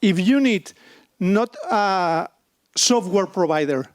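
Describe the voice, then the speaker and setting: A man from Spain with a Spanish accent, presenting in halting, Spanglish-style non-native English, searching for words. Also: sits high, lively intonation, no room sound, studio quality. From Barcelona, Spain. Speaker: software company presenter. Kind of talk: business presentation with questions.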